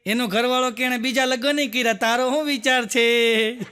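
High-voiced man telling folksy jokes. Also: fairly even intonation, normal speed, noisy background. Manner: laughs often while acting out characters' lines. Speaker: stand-up comedian telling jokes. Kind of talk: Gujarati folk joke storytelling.

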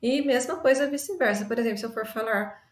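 A woman's voice: a little high, quick pace, echoey room. A woman teacher explaining grammar step by step, checking in with "tá?" as she goes. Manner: explains step by step, often adds "tá?". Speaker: English teacher. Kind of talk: recorded remote lesson.

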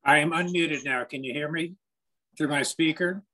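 A man's voice: on the high side, moderate pace, sharp tone, poor audio. A councilmember joining remotely, his voice played through a laptop speaker in the chamber as he checks whether he can be heard. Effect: voice played through a laptop speaker into the room. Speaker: city councilmember. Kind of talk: remote meeting remarks.

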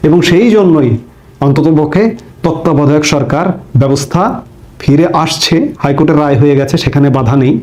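Dark-voiced Bangladeshi man arguing politics. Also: a little high, steady tone, brisk. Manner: argumentative, reads out court details then argues his view. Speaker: political commentator. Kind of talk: political commentary monologue.

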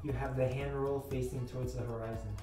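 A man's voice: medium pitch, flat delivery, fast. Young male vlogger, casual talk, off-mic in a reverberant bathroom. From United States. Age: young adult. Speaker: vlogger, quiz contestant. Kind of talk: casual chat. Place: small bathroom, sitting in tub. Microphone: camera a few steps away. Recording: echoey bathroom, distant microphone, music behind.

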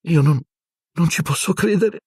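A man's voice: on the high side, moderate pace, darkish tone, husky, no room sound, clean studio sound, voice pushed up. Hermione, a man voicing a frantic teenage schoolgirl. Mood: urgent, distraught. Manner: urgent pleading whisper. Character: anxious bossy schoolgirl, teen.

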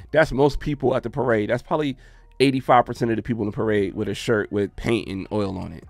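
A man's voice: medium pitch, brisk, vocal fry, dry recording. An exasperated man hosts a casual commentary video, hammering his points home again and again. His voice sits in a middle register, recorded close and dry. A little music plays faintly underneath. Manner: exasperated, repetitive emphasis.

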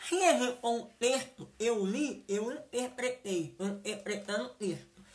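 A woman's voice: a little high, lively intonation, a little slow. A woman teaching sign language vocabulary, saying each word and repeating it, often checking whether the class has understood.

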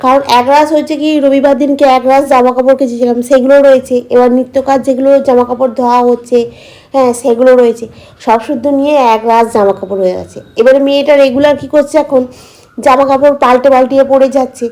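A woman's voice: high voice, fairly even intonation, fast talker, a little mellow. A woman chatting casually to her viewers as a vlogger, explaining her daily routine, with a slight cold in her throat.

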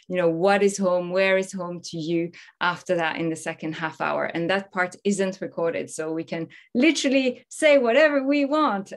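Upbeat woman hosting a video call. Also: mid-range voice. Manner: warm, upbeat and welcoming. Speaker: host. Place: home office. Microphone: laptop webcam on a video call.

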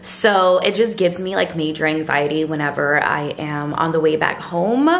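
Brief: young woman vlogger, low-ish gravelly voice, worn out after a night shift, chatty and rambling, handheld camera at home. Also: normal speed, a little hiss or hum. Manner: chatty, frequent "like" and "you guys". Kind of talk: casual vlog chat. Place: sitting on a couch at home. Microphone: handheld vlog camera.

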